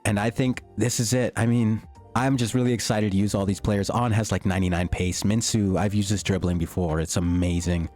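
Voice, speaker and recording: A young man giving excited, slangy commentary over his own gameplay, his voice starting to go. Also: fairly low pitch, fairly quick, faint music behind. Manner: hyped, slangy, swings between joking and shouting. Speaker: gaming YouTuber. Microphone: desktop mic, peaking.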